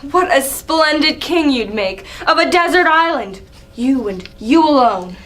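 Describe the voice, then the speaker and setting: In a dramatic reading, a woman plays a defiant, principled young prince from Greek tragedy. Her fairly high, fairly bright voice cuts sharply, moving unhurriedly with lively intonation.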